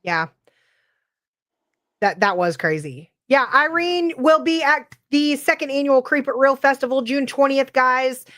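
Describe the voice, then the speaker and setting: A woman's voice: high-pitched, animated, measured pace, a bit bright. A woman hosting a podcast, telling stories in a casual, chatty way with plenty of filler words. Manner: chatty, filler-heavy storytelling. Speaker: podcast host. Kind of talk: casual chat.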